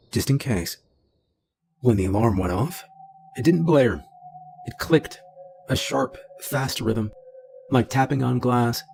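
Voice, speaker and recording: A middle-aged man narrating a first-person horror story in a low, steady, deliberate way. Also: slight background noise. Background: faint music.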